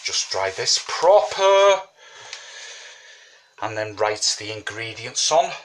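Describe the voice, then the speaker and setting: Sitting at his kitchen table, a sniffling man with a cold walks through his home brewing recipe in a relaxed, rambling how-to. His voice sits on the low side with a bit of brightness, swings widely in pitch, and moves slowly. He keeps things chatty, tossing in "you know what I mean."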